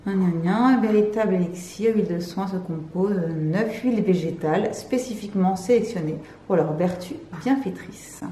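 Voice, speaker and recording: A woman vlogger chatting casually and excitably as she unboxes beauty products, with many fillers, recorded at home. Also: mid-range voice, moderate pace, hardly any pauses, echoey room, slight background noise. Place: room at home, cats nearby.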